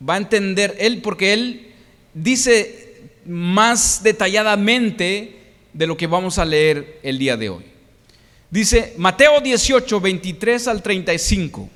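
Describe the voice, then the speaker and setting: Slow, high-voiced preacher in a reverberant hall. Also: male voice, expressive, a bit bright. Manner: reads scripture aloud and explains it in plain words; addresses the congregation directly, many restarts. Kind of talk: sermon. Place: church hall. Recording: long reverb of a church hall.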